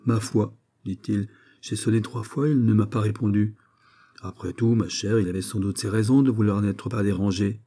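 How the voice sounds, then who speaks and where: A man's voice: on the low side, fairly even intonation, moderate pace, mellow. Man doing an impatient brusque husband. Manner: brusque, shrugging, mildly exasperated. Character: impatient, dismissive husband eager for the theatre.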